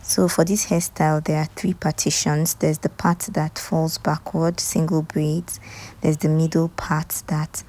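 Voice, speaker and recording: A Nigerian woman talking viewers through a hair tutorial in a casual voice-over, often dropping into soft, half-whispered asides. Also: sits low, level tone, unhurried.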